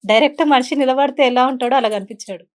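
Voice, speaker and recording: A woman's voice: high voice, very fast. A woman guest on an interview show, earnestly telling a personal story and mixing in English words. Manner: earnest, mixes English words into her speech.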